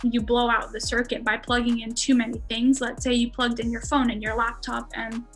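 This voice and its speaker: High-voiced chatty American woman. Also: level tone, a little fast, soft background music. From United States. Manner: chatty, laughs often, many fillers. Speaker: podcast guest. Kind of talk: casual storytelling.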